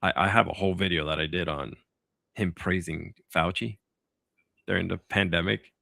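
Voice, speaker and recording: A man's voice: sits low, steady tone, moderate pace, vocal fry, pushed and bright, no echo, clean studio sound. A man hosting a political talk podcast, speaking casually and sarcastically, with lots of fillers and restarts. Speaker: podcast host.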